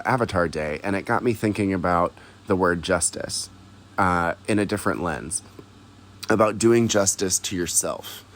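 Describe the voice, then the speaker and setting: A man leaving an earnest, reflective voicemail for a podcast as a listener. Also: low-pitched.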